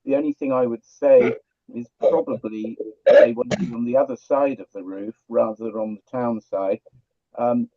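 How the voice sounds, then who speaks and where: A man's voice: medium pitch, no echo. A man speaking as a town councillor in a committee meeting, hesitant and full of restarts, over a video call. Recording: dry, dull lo-fi call audio.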